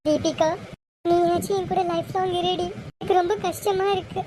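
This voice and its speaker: Woman voicing a weepy, pleading bride-to-be, high voice, crying, hissy home take. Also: fairly quick. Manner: sobbing, pleading. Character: tearful, anxious young bride-to-be. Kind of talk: amateur serial drama.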